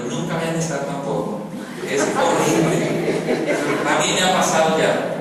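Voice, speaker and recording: Priest, male, lively homily with question-and-answer patter, a bit high-pitched, heard from far off in a noisy, echoey church. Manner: animated, asks the congregation questions and answers them. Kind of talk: sermon.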